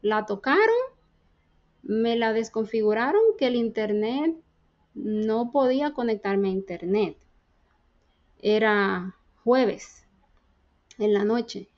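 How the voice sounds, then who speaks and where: High-voiced Dominican woman telling testimony. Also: takes it slowly, long pauses, muffled recording. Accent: Dominican Spanish. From Dominican Republic. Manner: earnest storytelling, acting out quoted dialogue. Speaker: guest giving testimony. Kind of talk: personal faith testimony.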